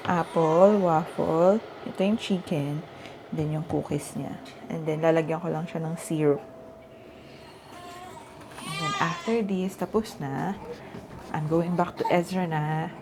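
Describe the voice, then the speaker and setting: A young woman, a mother vlogging her day, talks viewers softly and unhurriedly through her chores at home, mixing English into her speech. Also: low-pitched, steady tone, takes it slowly, long pauses. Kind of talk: casual chat to camera while doing chores. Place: home kitchen, indoors. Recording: noisy home recording with room ambience.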